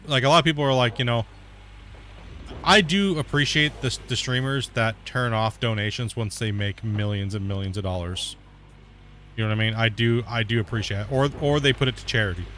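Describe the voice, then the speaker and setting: A man streams a mining game, his fairly low voice a bit bright, giving laid-back, rambling gameplay commentary sprinkled heavily with "like" and "dude." He's itchy from a sunburn, and slight background noise can be heard.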